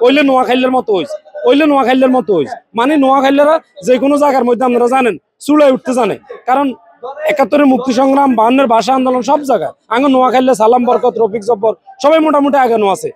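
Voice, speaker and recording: A man with a Noakhali Bengali accent speaks proudly in a street interview and rambles through lists of names and places. His voice is very high and moves quickly. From Noakhali, Bangladesh.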